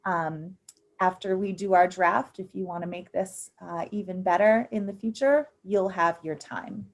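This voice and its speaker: Speaking at a measured pace in a lowish voice, a woman in her 30s leads a youth finance workshop online. She's a financial literacy presenter using a computer microphone on a video call, cheerful and supportive, and she says um a lot.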